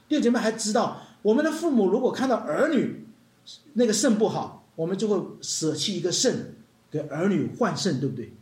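A high-voiced male preacher delivers a lively sermon, with his pitch swinging widely as he questions the congregation. His voice rings through an echoey room. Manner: animated, questioning the congregation, acting out stories.

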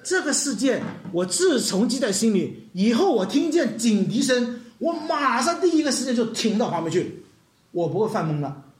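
Lively preacher in an echoey hall. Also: medium pitch, moderate pace. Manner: animated, mixes in English words; asks the congregation questions. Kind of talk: sermon.

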